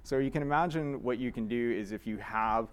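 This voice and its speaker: A man's voice: mid-range voice, brisk, smooth. A man with a Canadian accent giving a casual conference talk, with lots of "uh" fillers. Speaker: conference speaker.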